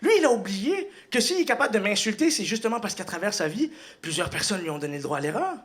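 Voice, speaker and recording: High, bright-voiced Quebec comedian on stage. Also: male voice, quick pace. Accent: Quebec French. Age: young adult. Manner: animated, bursts into shouted high-pitched impressions. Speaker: stand-up comedian. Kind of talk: stand-up comedy routine. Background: audience laughter.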